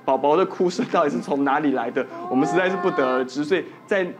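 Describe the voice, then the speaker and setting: A man with a Taiwanese Mandarin accent, a doctor guest on a TV talk show, telling a spooky hospital story in soft, trailing sentences. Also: fairly high pitch, fast talker.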